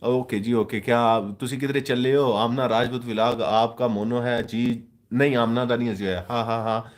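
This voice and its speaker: Punjabi guy on a live stream, joking around, reading out comments, mid pitch. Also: fairly even intonation, normal speed. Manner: joking, switches into mocking put-on voices.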